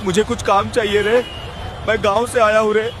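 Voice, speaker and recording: A man's voice: high-pitched, level tone, normal speed, noisy background, close to an everyday voice. A man voicing a naive, hapless young village man in a comic cartoon, with a whiny drawl. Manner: whiny drawl ending lines with "re". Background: music.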